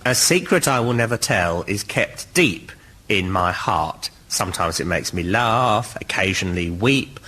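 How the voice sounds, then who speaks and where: A man's voice: low-pitched, expressive, a little slow, bright, forceful tone. A man speaking as a comedy panelist, delivering mock-grand, dramatic lines. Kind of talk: comic monologue in a panel game.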